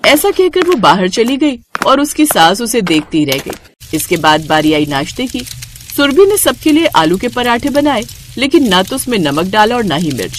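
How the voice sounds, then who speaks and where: A woman narrating a moral story in a measured storytelling manner. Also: fairly high pitch, sing-song, a little hiss or hum. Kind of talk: scripted narration.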